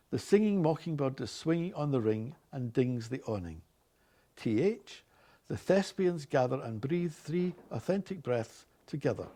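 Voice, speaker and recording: Here a Glasgow-born organist in his late sixties, with the city's Scottish accent, has a medium-pitched, dark-toned voice. He alternates between reading word lists and accent sample passages aloud and casually talking about his life.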